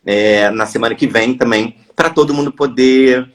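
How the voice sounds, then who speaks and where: A man hosting a casual live-stream chat, talking quickly and chattily and often ending his remarks with tag questions. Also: mid-range voice. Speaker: host. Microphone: video call.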